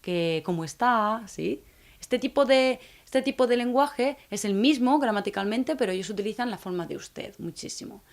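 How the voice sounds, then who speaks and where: A woman from teaching Spanish to learners, speaking slowly and clearly and often checking in with the viewers. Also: a little high, darkish tone. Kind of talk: scripted video lesson for learners.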